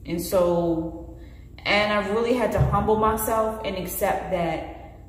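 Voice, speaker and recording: A woman's voice: mid-range voice, takes it slowly. A woman in her late twenties talks candidly and earnestly to the camera in a personal vlog, gesturing as she speaks. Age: late 20s. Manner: earnest, expressive, gestures with hands while talking. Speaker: vlogger. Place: bare indoor room. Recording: very echoey room with long reverb.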